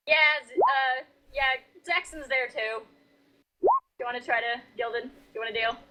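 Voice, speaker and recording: A woman narrating a tabletop game as game master, casually and haltingly, repeating phrases as she goes. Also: high voice, expressive, sharp tone, slight background noise, low-quality recording.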